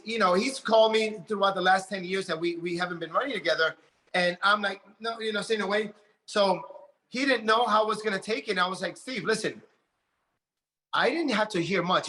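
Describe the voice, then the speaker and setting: A man in his late forties giving an energetic motivational talk about his business, often repeating words as he builds up steam. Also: high-pitched. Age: 40s. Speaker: network marketing leader.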